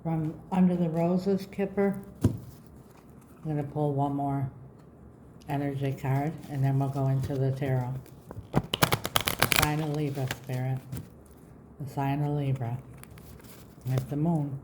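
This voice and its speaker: A woman's voice: low-pitched, steady tone, measured pace, long pauses, background noise. A woman with a lisp, speaking as a tarot reader giving a reading to her viewers. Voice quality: lisping after mouth surgery. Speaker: tarot reader, channel host.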